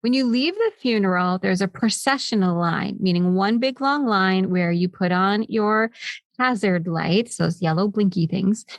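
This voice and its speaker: A woman co-hosting a podcast, telling a story in a casual, animated way and laughing often. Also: medium pitch, a little slow, no room sound. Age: older than her co-host, who is in her twenties. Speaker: podcast co-host.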